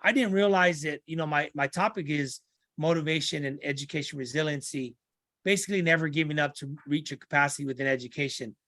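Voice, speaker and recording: An earnest middle-aged man talks through his life story as a podcast guest. His voice sits a bit high, and the dry, close recording has no room sound. He restarts and repeats phrases as he finds his words. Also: fast, sharp tone, dry recording. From Santa Ana, California. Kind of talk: podcast interview conversation.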